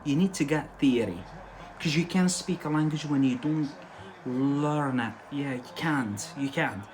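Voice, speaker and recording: With a voice that is a little high and a measured pace, this man teaches English during a casual live stream. He comes from Algeria and first spoke Algerian Arabic. His style is emphatic and repetitive, punctuated by "yeah?" and "that's it".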